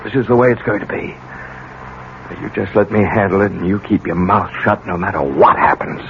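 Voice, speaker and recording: A man's voice: lowish voice, fairly quick, creaky. An actor playing a middle-aged American college professor, a protective and commanding father who probes firmly, in 1970s radio drama style. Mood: commanding, resolute. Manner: probing, firm, authoritative. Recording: muffled, noisy old radio recording.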